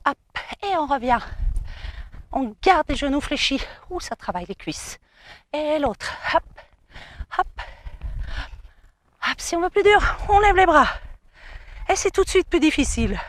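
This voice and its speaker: A woman fitness coach leads an outdoor cardio workout, giving encouraging, coaxing cues and counting down. Her voice is high and a bit bright.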